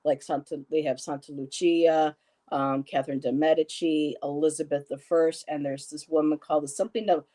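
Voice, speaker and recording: In a low-pitched, dark voice with fairly even intonation and a moderate pace, a woman in her fifties hosts a live stream. She reads out viewer comments and chats casually with a friend, rambling and laughing often.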